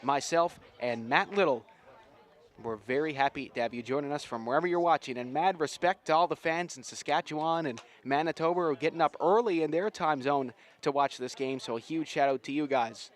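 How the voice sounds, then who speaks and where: Calling live rugby from an outdoor sports field, this play-by-play commentator talks fairly quickly in a voice on the high side. His delivery is folksy, slangy and enthusiastic.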